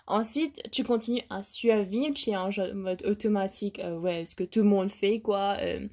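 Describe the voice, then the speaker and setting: A young woman vlogging casually while travelling, chatty and excitable, who laughs often, mixes in English words and trails off mid-thought. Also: medium pitch, moderate pace. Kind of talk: casual motivational vlog. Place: travelling in South Africa.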